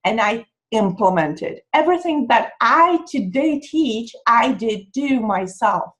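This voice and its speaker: Upbeat Czech-accented woman with a high voice. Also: animated, slow, a bit bright. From Czech Republic. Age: 30s. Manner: upbeat, emphatic, pitch jumping on key words. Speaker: online business coach. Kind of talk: enthusiastic sales pitch over slides.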